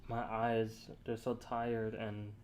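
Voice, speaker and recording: A young man casually thinking aloud and answering chat on a live coding stream, halting and rambling as he works. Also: fairly low pitch, monotone, a little mellow, slight background noise. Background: keyboard typing.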